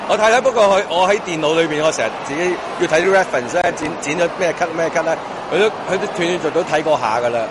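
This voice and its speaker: Quick-talking male director over loud noise. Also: fairly high pitch. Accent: Hong Kong Cantonese. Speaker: film director being interviewed. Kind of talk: casual interview chat. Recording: very noisy event, traffic.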